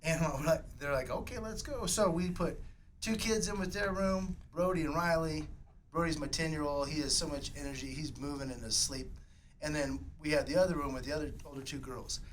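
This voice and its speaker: A man with a notably high voice tells a story with animated energy, laughing along as he goes. He speaks like a coach chatting casually on a podcast, with a faint hiss of noise in the background. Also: poor audio. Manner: animated, lively storyteller who laughs at his own tale.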